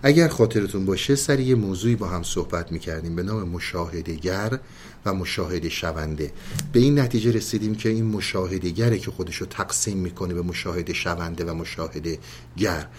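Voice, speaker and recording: A man teaching mystical poetry. He retells a story and recites verses in a calm, measured way, and addresses his listeners politely. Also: sits low, a little hiss or hum.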